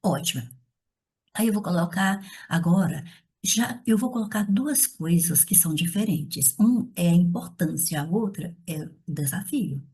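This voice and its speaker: A woman teacher with a mellow, slightly husky voice, explaining an essay step by step as she writes it out by hand. She is middle-aged and speaks straight to her students, checking they follow along. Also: on the low side, expressive, a little slow. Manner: talks directly to the viewer, checking with "certo?". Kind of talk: essay-writing lesson.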